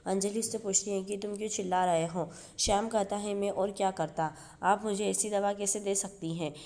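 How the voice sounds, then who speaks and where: Flat, mellow-voiced woman recapping. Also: medium pitch, moderate pace. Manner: steady read-through, reads quoted dialogue in her own voice. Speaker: YouTube channel host. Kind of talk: reading a TV serial episode recap.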